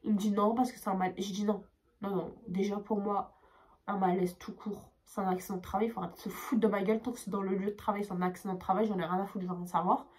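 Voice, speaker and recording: A young woman telling a storytime vlog, tired, expressive and swearing as she acts out her dialogue. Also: mid-range voice, fast talker. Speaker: vlogger.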